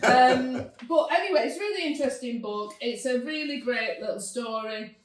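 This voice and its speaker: A woman's voice: on the high side, normal speed, a crowd in the background. Chatty woman in an echoey room. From Lancashire, England. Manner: chatty, enthusiastic, with fillers. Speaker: podcast host. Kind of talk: casual chat and read-aloud. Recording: echoey room, distant mic.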